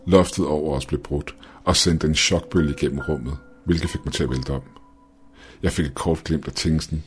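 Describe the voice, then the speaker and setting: A man reads a horror story in the first person, building tension with a dramatic delivery. His voice sits extremely deep and low. Soft music plays faintly underneath. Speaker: narrator.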